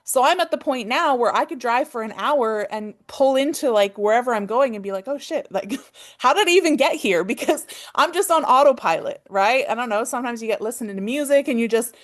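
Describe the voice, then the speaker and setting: A Canadian woman in her thirties runs a live online trading class. Her voice sits a little high, and she talks quickly, asking "okay?" after nearly every point. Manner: fast-talking, checks in with "okay?" constantly. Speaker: trading coach.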